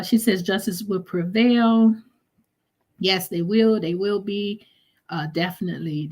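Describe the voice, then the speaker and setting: A woman's voice: on the high side, a little mellow. A middle-aged woman hosting a live stream, greeting viewers by name and reading their comments in a casual, chatty way that often trails off and restarts. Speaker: livestream host.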